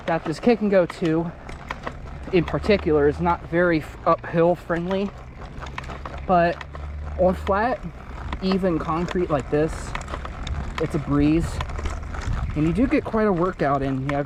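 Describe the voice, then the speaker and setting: A man's voice: fairly high pitch, unhurried, pauses often. A young man vlogging outdoors in a casual, chatty and upbeat way, a bit out of breath. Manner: upbeat, chatty, laughs often. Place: outdoors on pavement. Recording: outdoor noise behind.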